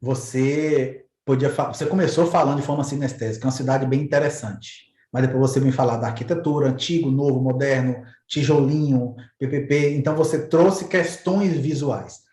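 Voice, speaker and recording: A man's voice: medium pitch, fairly even intonation, normal speed, few pauses, mellow. Echoey man explaining in a conversational way. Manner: conversational, repeats words while searching. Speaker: host explaining neuro-linguistic programming. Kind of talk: casual explanatory talk with examples. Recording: roomy echoey recording.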